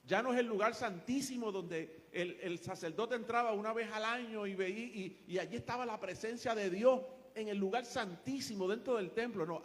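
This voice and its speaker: A man with a Puerto Rican accent preaching a sermon as pastor, emphatic and building his points through repetition. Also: sits high. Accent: Puerto Rican Spanish. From Puerto Rico. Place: church sanctuary. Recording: long church hall reverb.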